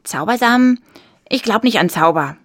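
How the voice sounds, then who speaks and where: Woman doing a loud, high little sick boy. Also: a little fast, no room sound, clean studio sound, natural voice. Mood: plain. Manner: loud, excited calling out.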